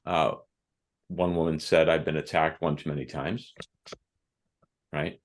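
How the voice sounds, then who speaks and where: Speaking in a very deep, steady voice, an author and firearms instructor appears as a podcast guest and relates stories from his courses in a considered, measured way. Slight background noise is audible.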